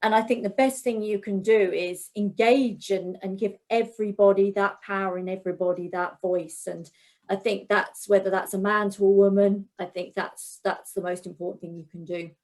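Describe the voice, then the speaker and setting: A woman's voice: medium pitch, fairly even intonation, moderate pace, darkish tone. A woman on a discussion panel giving reflective advice about confidence.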